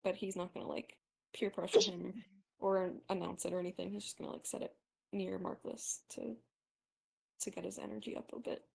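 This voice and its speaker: A woman's voice: medium pitch, fairly even intonation, brisk, creaky, darkish tone, slightly rough. A woman playing in a tabletop game, hesitantly describing her character's actions. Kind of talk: casual in-character planning.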